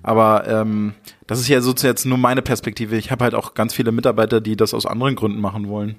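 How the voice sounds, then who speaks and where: A man in his thirties from Hamburg, a podcast interview guest who talks with many pauses, fillers and restarts. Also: lowish voice, level tone. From Hamburg, Germany. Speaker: interview guest, managing director.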